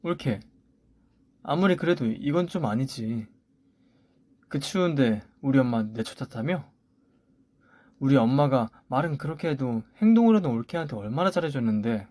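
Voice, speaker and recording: An older sister-in-law coaxes and makes excuses in a smoothing-over tone, as a man reads her lines. The voice is mid-pitched and dry, close to the mic. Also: lively intonation, moderate pace, long pauses, darkish tone, dry recording, natural voice. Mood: placating. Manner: coaxing, excuse-making. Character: older sister-in-law, placating but blaming. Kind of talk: story radio voice acting.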